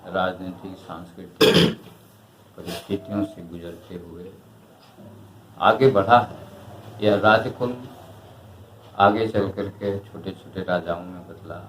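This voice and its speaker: Slow-spoken older man in an echoey room. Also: low voice, fairly even intonation, slight background noise. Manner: slow, measured, reflective. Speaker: retired writer and historian. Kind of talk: interview answers.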